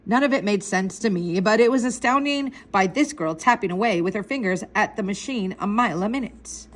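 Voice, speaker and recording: A woman narrating a children's story in an expressive reading voice. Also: mid-range voice, a little fast. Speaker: reader.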